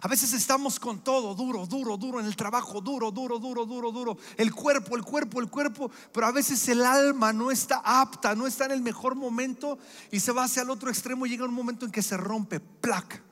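A man's voice: extremely high pitch, brisk, fairly bright tone. A middle-aged man preaching a sermon, with an emphatic, repetitive cadence. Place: church hall. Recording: echoey hall with faint music.

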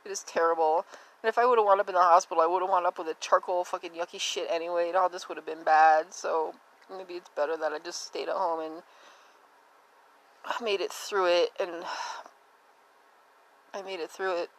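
A woman with a lowish, steady voice talks quickly on a podcast she hosts, and the recording quality is poor. Her delivery is subdued and unsteady as she rambles through a candid, confessional personal monologue packed with fillers.

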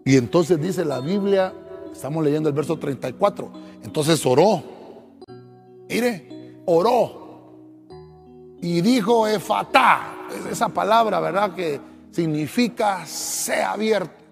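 A man's voice: a little high, expressive, unhurried, creaky, darkish tone, in a large hall, faint music behind. A man, a pastor from Honduras, preaching a sermon, swelling and dropping his voice and calling his listeners brother.

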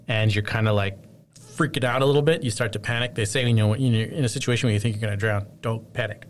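A man telling a long personal story in casual chat, rambling and animated, full of fillers. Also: on the low side, a little hiss or hum.

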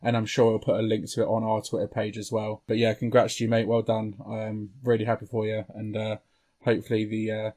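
A man's voice: fairly low pitch, monotone, a little fast, a little mellow. A British man hosting a sports podcast in a chatty, informal way. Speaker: main podcast host. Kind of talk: casual sports podcast chat.

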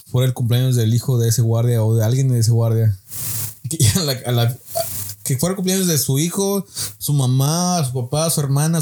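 A man's voice: medium pitch, warm tone. A young man with a Mexican accent, hosting a casual solo podcast, joking around, mimicking people and laughing often. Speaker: podcast host.

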